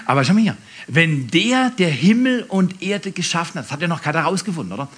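A man giving a sermon, talking with lively swings from loud emphasis down to soft whispers. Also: on the high side, fairly quick, husky. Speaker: preacher.

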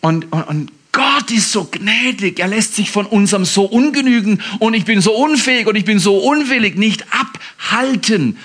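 A male pastor preaching a lively sermon to his congregation, swinging from loud, quick appeals to a hushed whisper. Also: high voice. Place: church.

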